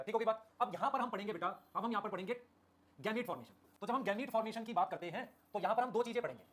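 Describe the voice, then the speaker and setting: Man, biology teacher, live online lecture, quick, repetitive, calls students children. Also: high-pitched. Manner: checks in constantly, repeating "okay? clear?"; addresses students affectionately as children.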